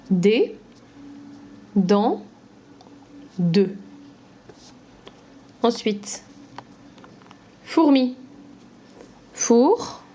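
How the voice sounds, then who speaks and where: Very slow, careful woman teacher. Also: medium pitch, warm tone, muffled recording, a little hiss or hum. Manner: slow, clear syllable-by-syllable pronunciation. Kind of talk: phonics lesson for young children.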